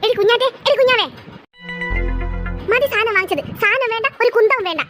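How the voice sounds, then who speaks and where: A woman's voice: extremely high pitch, a little fast, a bit bright, soft background music. A woman voicing an exasperated mother of two girls in a cartoon, nagging and scolding. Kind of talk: cartoon voice acting.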